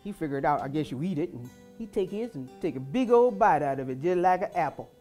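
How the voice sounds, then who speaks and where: A woman historical interpreter telling a first-person story in a folksy, dialect-rich, animated way. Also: low voice, fairly quick, faint music behind.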